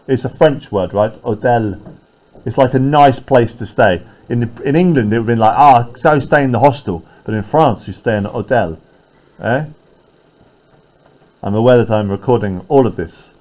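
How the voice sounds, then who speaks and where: Man teaching a lively classroom lesson. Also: medium pitch, low-quality recording. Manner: conversational, frequent tag questions.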